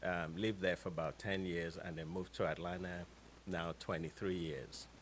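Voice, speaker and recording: A man's voice: deep voice, fairly even intonation, moderate pace, a little hiss or hum. A middle-aged man with a Nigerian accent, chatting as an interview guest and joking while correcting himself. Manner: joking, self-correcting, chuckles at own jokes. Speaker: guest, cybersecurity professional. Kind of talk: casual interview chat.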